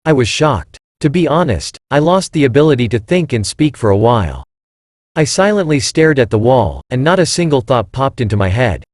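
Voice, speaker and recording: A man reading a first-person story aloud in a steady, measured storytelling read. His pitch rises and falls in a lively way, and the recording is close and dry, with no room around it. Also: dry recording. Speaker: narrator.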